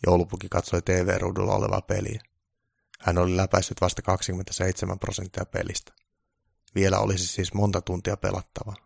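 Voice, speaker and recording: Gravelly low-voiced male storyteller. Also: monotone, dry recording, studio quality. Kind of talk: comic deadpan storybook narration.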